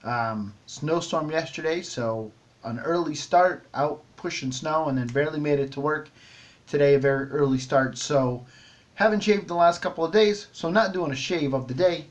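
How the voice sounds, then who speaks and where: A man's voice: a little high, normal speed. Rambling man hosting a shaving vlog. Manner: rambling, many ums and restarts. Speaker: shaving video host. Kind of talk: casual vlog talk to camera.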